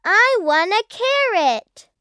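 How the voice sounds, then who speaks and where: A woman voicing small picture-book animals in a squeaky, sing-song voice for young learners. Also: big pitch swings, takes it slowly, pushed and bright, a little hiss or hum, heavily acted. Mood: playful.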